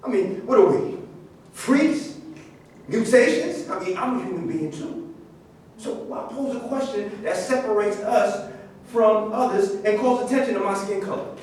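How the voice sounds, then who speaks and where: A man with a high, slightly mellow voice takes his time performing a dramatic monologue in a staged reading of a play. He plays a once-famous football star, proud and indignant, listing his grievances; the distant recording is echoey with faint noise.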